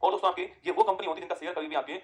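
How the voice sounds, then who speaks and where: A man's voice: high voice, steady tone, rapid-fire. A male teacher giving an exam-prep class lecture, dictating notes for students to write down, repeating points and checking in with the class again and again. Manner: repetitive, keeps checking in with students.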